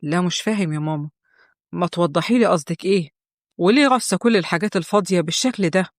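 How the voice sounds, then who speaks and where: A woman voicing a young married man, a gentle and dutiful son, pleading softly in Egyptian Arabic. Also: fairly low pitch, fast, no room sound, studio quality, natural voice. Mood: puzzled. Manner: soft, pleading, placating.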